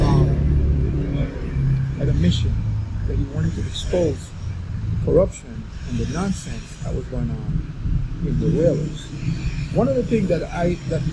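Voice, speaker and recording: A man's voice: on the high side, heavy background noise. A man with a Jamaican accent tells stories casually in Rasta-style speech with patois phrasing, repeating phrases for emphasis. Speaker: storyteller explaining reggae history. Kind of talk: casual conversational storytelling.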